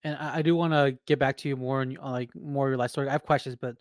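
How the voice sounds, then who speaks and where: A man's voice: mid-range voice, steady tone, fast, dry recording, clean studio sound. A man from Peru, co-hosting a podcast, asking curious questions in casual chat. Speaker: podcast co-host.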